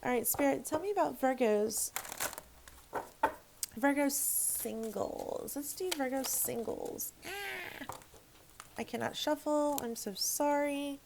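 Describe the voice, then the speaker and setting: A woman's voice: on the high side, vocal fry, a little hiss or hum, low-quality recording. A woman giving a casual tarot reading to camera, frank and emphatic, swearing freely and rambling with restarts. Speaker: tarot reader.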